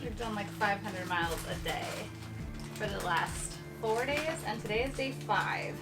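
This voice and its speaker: A woman's voice: mid-range voice, animated, a little slow. A woman from the United States chatting casually as a travel vlogger. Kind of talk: casual travel vlog chat. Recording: distant mic, music, vehicle vlog audio.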